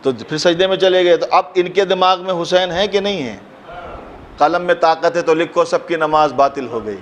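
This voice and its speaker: A fairly high-pitched male cleric preaches with passion to a mosque gathering. He throws out rhetorical questions and lifts his voice into recited verse. A faint hum of noise sits behind him. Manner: rhetorical questions, rises to a fervent recited couplet. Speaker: cleric giving a mourning sermon. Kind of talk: impassioned majlis sermon.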